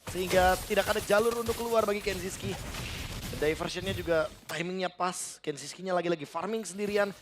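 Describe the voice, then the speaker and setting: A man's voice: high-pitched, a little fast, noisy background. A man giving conversational, analytical esports commentary, explaining strategy as the match runs.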